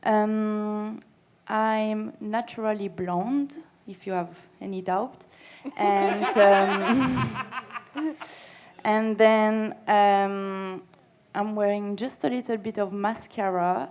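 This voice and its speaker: A woman's voice: mid-range voice, steady tone, slow pace, a little mellow. A woman from France, an English speaker, introducing herself with playful asides. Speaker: dancer, panelist.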